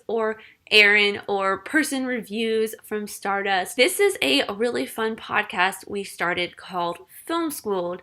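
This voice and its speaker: In studio-quality audio with no echo, a twenty-something podcast co-host talks in a fairly high, bright, pushed voice. She's chatty and self-deprecating, laughing easily through the casual conversation.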